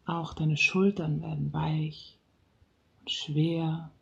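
Relaxation guide for a calming session: very slow, soft delivery with some whispered lines, low gravelly texture. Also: highs cut off.

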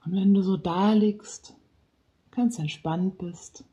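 Slow, soft-spoken relaxation guide. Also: mid-range voice, fairly even intonation, muffled recording.

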